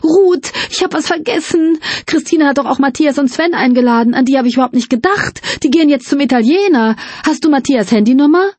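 A woman voicing an impulsive, outspoken adult woman with a lively, blurting way of talking in an audiobook. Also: mid-range voice, brisk, dry recording, natural voice. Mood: alarmed.

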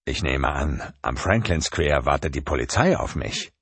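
Cold tattooed kidnapper, read by a male narrator, very low and husky, calm menace in an audiobook. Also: moderate pace, no room sound, exaggerated voice.

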